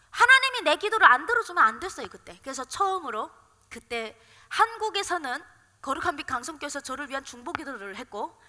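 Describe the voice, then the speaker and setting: A middle-aged woman delivers an emotional testimony from a church pulpit. Her voice sits very high and sounds sharp and bright, moving from hushed to loud. The sound carries a long reverb from the sanctuary. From North Korea. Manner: impassioned, swinging from hushed to loud. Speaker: church deaconess giving testimony.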